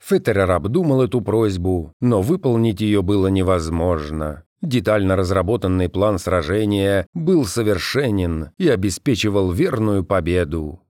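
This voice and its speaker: A man reading an audiobook in a measured, even way. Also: sits low, no echo, studio quality. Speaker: narrator.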